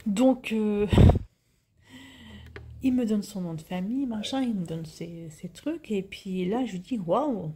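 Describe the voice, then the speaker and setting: A woman's voice: medium pitch, slow, warm tone, slight background noise. A woman in her fifties telling a story to her viewers in a chatty way, full of fillers and restarts, sometimes dropping to a whisper. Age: 50s. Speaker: vlogger.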